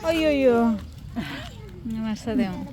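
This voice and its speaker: A woman's voice: a little high, expressive, unhurried. A woman with a Telangana accent, filming on her phone as she walks outdoors along a street and coaxes small children to keep up. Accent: Telangana Telugu. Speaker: vlogger filming a family walk. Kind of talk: casual outdoor chat with children. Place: outdoors on a street with passing vehicles. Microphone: phone camera held while walking.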